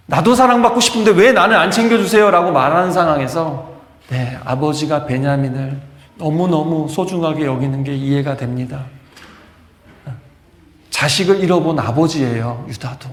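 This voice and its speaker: A male pastor delivers a sermon in a slightly high voice, telling stories with emphasis and giving voice to the people he quotes. The sound is roomy, with a long reverb from the church hall around him. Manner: emphatic, storytelling, acts out quoted lines. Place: church sanctuary.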